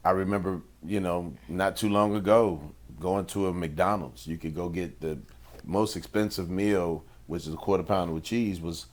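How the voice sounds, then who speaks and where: A man co-hosting a casual podcast who talks in a relaxed, colloquial way and repeats phrases for emphasis. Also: low-pitched, moderate pace. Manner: affirming, with lots of "yeah" and "mm", repeating his own phrases for effect. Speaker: podcast co-host.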